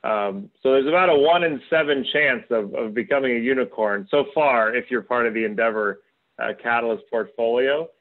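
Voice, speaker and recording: A man's voice: mid-range voice, moderate pace. A man, a venture capital investor, speaking on a panel over a video call and explaining at length with frequent fillers. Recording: tinny phone-like video call audio.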